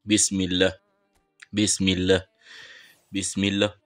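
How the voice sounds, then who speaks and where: A man with a Moroccan Arabic accent hosting a mobile football game channel, giving live pack-opening commentary. He talks chattily to viewers as brothers, sighing with pious exclamations between bursts of excitement. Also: sits low, moderate pace, soft background music.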